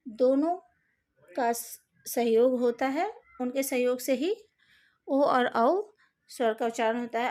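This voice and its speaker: Slow, high-voiced woman teacher. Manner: careful, slow, spells out each vowel sound; speaks to students directly, asks them to fix slides. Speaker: Hindi teacher. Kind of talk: recorded online lesson.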